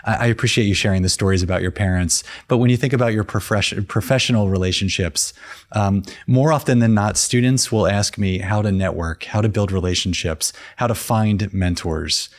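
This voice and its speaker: Male podcast host, lower voice, thoughtful interviewer. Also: moderate pace. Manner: thoughtful, restarts phrases while asking.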